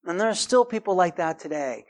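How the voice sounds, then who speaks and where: A middle-aged man preaching a sermon, emphatic, his voice rising high and loud to stress points. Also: lively intonation, fairly quick. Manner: emphatic, rising in pitch and volume for stress, acts out quoted voices. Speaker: pastor.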